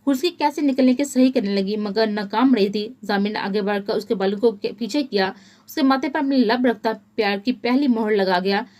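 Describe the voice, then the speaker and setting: A woman narrating a romance novel as an audiobook in a steady, even storytelling manner. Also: fairly high pitch, normal speed.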